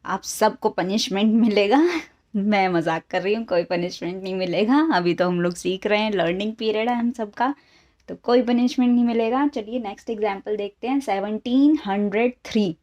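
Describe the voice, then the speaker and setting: A woman's voice: mid-range voice, steady tone, normal speed, darkish tone, muffled recording. A woman teaching an online English lesson, patiently repeating examples, asking rhetorical questions and mixing Hindi with English words. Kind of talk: online lesson explaining year reading.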